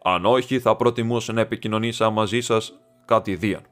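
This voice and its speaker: Imposing masked nobleman, formal and secretive, lowish voice; a male audiobook reader plays him. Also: steady tone, faint music behind, close to an everyday voice. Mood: grave, secretive. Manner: formal, stately, measured speech.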